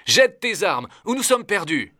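A man's voice: high voice, sing-song, moderate pace, pushed and bright, dry recording, clean studio sound, voice pushed up, exaggerated voice. A man voicing a decisive male doctor leading an expedition, giving urgent orders, in a storybook reading.

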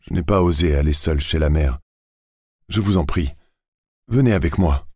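A scheming young killer, read by a male narrator in a storybook reading. The voice sits very low and husky, close and dry, turning urgent and hushed. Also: moderate pace, no echo. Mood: pleading. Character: young man, a cold calculating murderer.

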